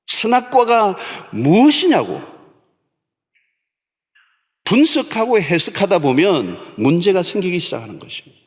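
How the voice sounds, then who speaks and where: A male pastor delivers an emphatic sermon from the pulpit, hammering home key words by repeating them. His voice sits high and swings widely in pitch, from soaring peaks down to hushed, low moments. A long reverb from the large sanctuary trails after each phrase. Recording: long church hall reverb.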